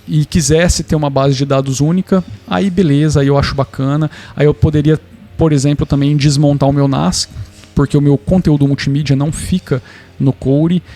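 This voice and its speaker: A man with a Brazilian Portuguese accent and a voice pitched a bit high for a man. He explains tech setups casually, thinking out loud with frequent restarts and tag questions to the viewer. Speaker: tech channel host.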